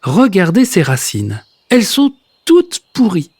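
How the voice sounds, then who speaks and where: A man's voice: on the high side, moderate pace, darkish tone, no room sound, studio quality, close to an everyday voice. A man reading a storybook, voicing a grumpy, blustering neighbor who talks brusquely and scornfully.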